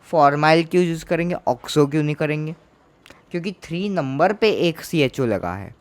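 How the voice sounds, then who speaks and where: A man's voice: on the high side, expressive, moderate pace. A man teaching a chemistry lesson in Hindi, asking questions and answering them himself, repeating each term to drill it in. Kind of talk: Hindi classroom lecture.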